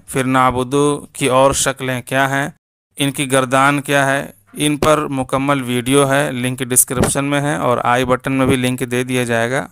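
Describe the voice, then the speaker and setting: A man teaching word-by-word meanings in a slow, deliberate lesson, repeating each meaning. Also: medium pitch, fairly bright tone, clean tone. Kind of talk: step-by-step lesson.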